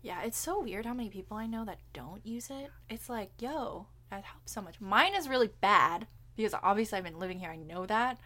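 A young woman whose first language is Cantonese co-hosts a podcast, chatting and giggling with some casual swearing. Her mid-range voice is expressive and brisk, with a sharp edge.

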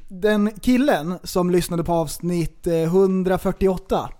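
Brief: male co-host, high voice, teasing, quick jokey reactions. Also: mellow. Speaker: podcast co-host. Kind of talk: casual chat.

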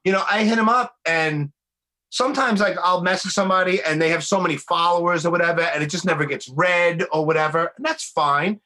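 A man's voice: sits high, a little fast. A man with a Brooklyn accent hosting a podcast, chatting casually and bluntly with plenty of slang and swearing. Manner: blunt, swearing, animated storytelling full of slang. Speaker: podcast host. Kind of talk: casual conversational chat.

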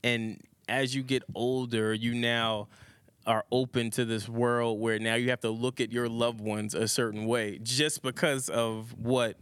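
Man, podcast host, reflective, asks questions, mid-pitched voice. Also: level tone, measured pace, fairly bright tone, clear, resonant tone. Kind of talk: casual chat.

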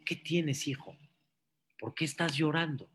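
A man voicing a kind, wealthy older man who speaks softly and fatherly in a spoken sermon story. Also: medium pitch, slow, a little hiss or hum. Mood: gentle.

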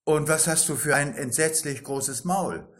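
A man's voice: on the high side, measured pace, a bit bright, pitched above the performer's own voice. A man reading an innocent storybook girl. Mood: wondering. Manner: naive wondering questions. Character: innocent little girl from a fairy tale.

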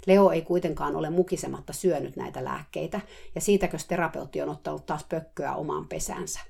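A woman's voice: sits low, creaky, dark tone, slightly rough. A woman telling a diary-style story in a wry, matter-of-fact way. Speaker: narrator.

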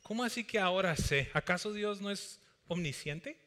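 A man preaching a sermon, animated, acting out Bible dialogue and little everyday skits. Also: sits high, moderate pace. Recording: long reverb of a church hall.

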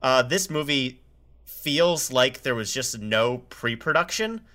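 A man co-hosting a film podcast, critiquing a movie in a casual, halting way. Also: medium pitch, expressive, bright, forceful tone. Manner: halting, many fillers and restarts. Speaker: podcast co-host. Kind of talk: casual film review chat.

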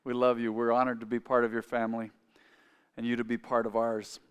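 A pastor in his forties delivers his sermon a little fast and completely flat, in a clean, medium-pitched voice, calling on the congregation to repeat phrases. The church sanctuary gives the recording the long reverb of a large hall.

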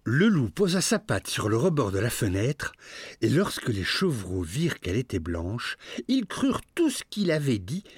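A man narrating a fairy tale with an expressive, rising and falling storytelling manner. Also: medium pitch, normal speed, dry recording, studio quality. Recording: narration over clear music.

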